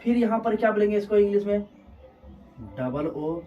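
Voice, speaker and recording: A man's voice: high-pitched, expressive, distant mic, muffled recording, faint music behind. A man teaching a classroom lesson on Hindi vowels, repeating each sound and checking in with his students. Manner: repetitive, checks in with students, drawn-out words.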